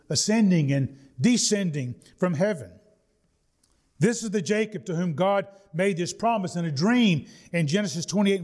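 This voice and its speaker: A man preaching a sermon, reading scripture and telling folksy stories with slow, deliberate emphasis. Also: sits high, a little mellow.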